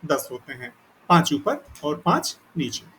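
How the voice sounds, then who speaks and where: A man teaching a recorded lesson, explaining step by step and repeating points, reading definitions aloud slowly. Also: a little high, big pitch swings, fairly bright tone, a little hiss or hum. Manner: explains slowly in Hindi, reads English definitions aloud haltingly with pauses. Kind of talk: recorded lecture.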